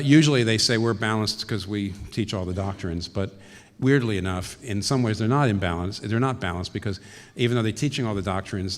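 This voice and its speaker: A man, a pastor, giving a reflective teaching talk and clearing his throat now and then. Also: lowish voice, long reverb tail.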